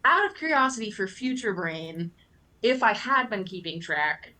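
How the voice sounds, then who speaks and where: Bright, playful woman at a gaming table. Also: mid-range voice, sing-song, moderate pace. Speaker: tabletop game player. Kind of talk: casual in-character improvised chat.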